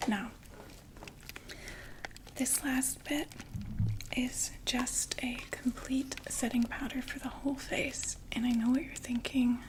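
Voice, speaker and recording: In an ASMR roleplay, a young woman plays a chatty undead vampire makeup saleswoman, delivering soft whispered sales patter full of fillers. Her high-pitched voice is steady and slow with frequent pauses, and the mood is soothing.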